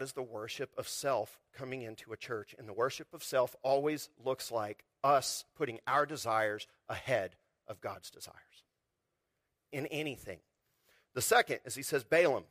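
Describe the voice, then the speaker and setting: A male pastor preaching a sermon in an animated, conversational way, often asking the congregation rhetorical questions. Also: mid-range voice, no room sound, studio quality.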